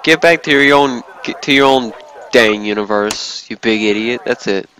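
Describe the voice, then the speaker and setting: A tipsy man giving rambling, swearing commentary while he plays a game, bursting into yells and laughs. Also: mid-range voice, normal speed, low-quality recording. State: tipsy from drinking. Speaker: gamer streaming his play. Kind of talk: casual gaming commentary.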